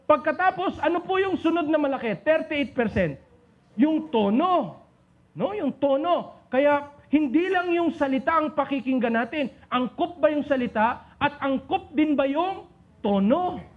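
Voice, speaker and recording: A man's voice: very high voice, animated, moderate pace. A man giving a seminar on communication to a live group, teasing his listeners and calling on them by name. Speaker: seminar speaker. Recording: dull lo-fi recording.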